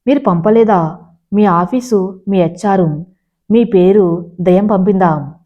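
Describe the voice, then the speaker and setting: A woman's voice: mid-range voice, slow pace. A woman narrator voicing a desperate young female employee who speaks in bitter, accusing tones. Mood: bitter accusation. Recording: slightly dull lo-fi sound.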